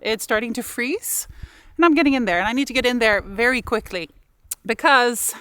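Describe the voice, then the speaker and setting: A Swedish-native woman in her thirties vlogs outdoors in freezing cold, chatting casually and laughing often. Her voice is fairly high, bright and expressive, at normal speed, with no echo.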